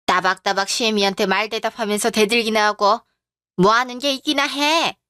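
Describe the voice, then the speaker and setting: A woman voicing a domineering, sharp-tongued older mother-in-law in a radio drama, with a scolding manner. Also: a little high, steady tone, normal speed, clear, resonant tone, no echo, clean studio sound. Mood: contemptuous.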